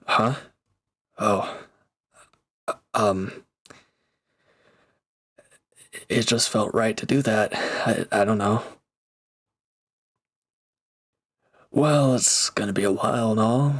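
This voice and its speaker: In an intimate audio drama, a man plays a gruff reformed villain who truly cares, speaking with a fairly low pitch. His delivery is earnest, halting, and awkwardly affectionate.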